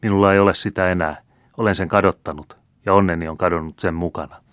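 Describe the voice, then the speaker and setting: Brief: male reader doing an impassioned old general, deep voice, louder than the narration. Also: fairly even intonation, no echo, clean studio sound. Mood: fervent. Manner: grave and impassioned. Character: aging proud male general, father. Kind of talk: audiobook character reading.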